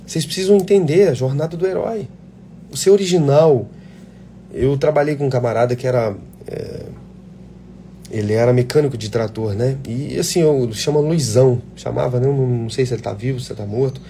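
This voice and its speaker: In a relaxed live chat, a working actor fields viewer questions from aspiring performers, speaking bluntly and passionately and cursing freely. His mellow, middle-pitched voice moves a little fast over a faint hum.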